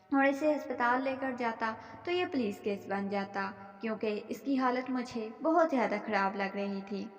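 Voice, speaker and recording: A woman narrating a dramatic first-person story in a steady reading voice, in a dull, echoey recording. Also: medium pitch.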